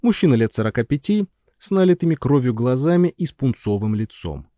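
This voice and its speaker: Male audiobook narrator, lively expressive reading, dry close mic. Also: medium pitch, fairly quick, no room sound. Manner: expressive storyteller. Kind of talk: first-person audiobook narration.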